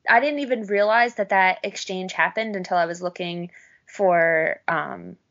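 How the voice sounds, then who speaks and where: An excitable woman in a casual podcast chat, peppering her talk with fillers. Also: on the low side, measured pace. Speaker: podcast co-host. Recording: dull lo-fi podcast audio.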